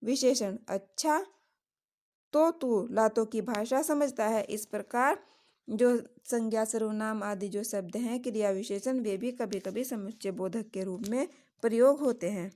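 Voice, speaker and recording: A woman teaches a grammar lesson in a slow, careful way. Her voice sits somewhat high, and she walks through examples one by one. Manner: slow, steady explaining with examples.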